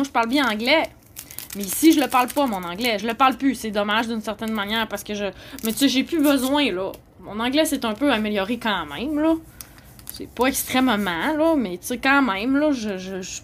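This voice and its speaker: A woman's fairly high, slightly bright voice, with a little hiss or hum, carries an indignant, rambling monologue. She's a journalist with a Québécois French accent, speaking casually and heatedly at a homeless shelter, with frequent "là" and "tu sais".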